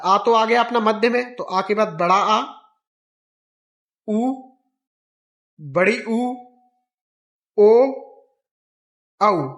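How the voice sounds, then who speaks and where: A man's voice: high voice, fairly bright tone. A male teacher explaining the alphabet for exam students, repeating vowel sounds aloud in a sing-song drill. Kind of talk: exam-prep lesson.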